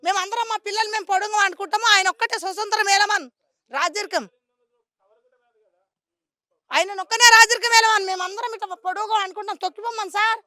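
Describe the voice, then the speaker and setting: A woman's voice: very high voice, steady tone, fairly quick, long pauses, sharp tone, no room sound, studio quality. A woman with a Telangana Telugu accent, a local resident speaking in a street interview. She pleads with passion and repeats herself.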